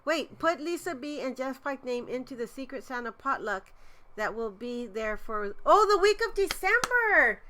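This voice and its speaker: A woman co-hosting a casual live stream, chatty and excitable, while sick with a cold. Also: high voice, moderate pace, a little hiss or hum. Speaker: live stream host and vlogger. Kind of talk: casual livestream chat.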